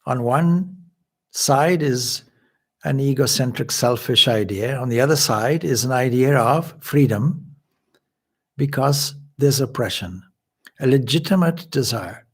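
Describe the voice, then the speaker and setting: A man from Zimbabwe, a swami, giving a measured, explanatory spiritual lecture. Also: mid-range voice, husky. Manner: measured, explanatory, with occasional restarts.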